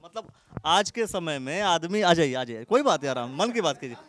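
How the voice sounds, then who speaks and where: High-voiced probing street reporter, man. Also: expressive, fairly quick, a bit bright. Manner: probing, repeats questions. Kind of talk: street interview questions.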